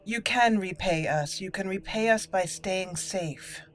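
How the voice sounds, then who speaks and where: A woman with a mid-range voice speaks a little slowly as she hosts a gaming channel, offering roleplay commentary and musing aloud about the story. Game music plays in the background.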